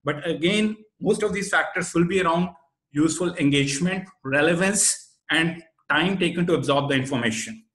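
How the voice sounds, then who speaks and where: A man with an Indian accent presents a webinar in a fairly high voice. He explains things didactically and leans on his key points. The sound is noticeably roomy and echoey. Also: normal speed, fairly bright tone. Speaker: webinar presenter, SEO expert.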